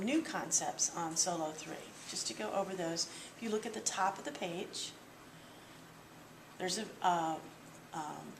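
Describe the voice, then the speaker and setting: A woman's voice: lowish voice, background noise. A woman teaching a percussion lesson, explaining patiently step by step with small fillers. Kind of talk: instructional walkthrough. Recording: roomy, distant mic with loud drumming.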